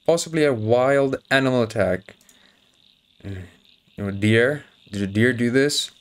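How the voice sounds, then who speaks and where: Slow-talking jokey gaming commentator, man. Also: mid-range voice. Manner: jokey, nervous chatter to himself and his dog. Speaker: gaming YouTuber. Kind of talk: horror game let's play commentary.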